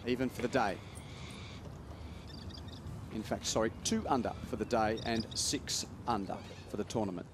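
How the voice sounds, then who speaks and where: A man's voice: fairly low pitch, normal speed, pauses often, noisy background. A man working as a golf commentator, delivering tournament commentary and score updates.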